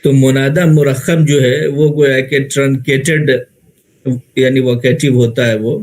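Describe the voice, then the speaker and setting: On a low-quality recording, an Arabic grammar teacher with an Indian Urdu accent and a typical mid-range male voice works through his lecture calmly and methodically. Patient throughout, he restates every term several ways and poses questions only to answer them himself.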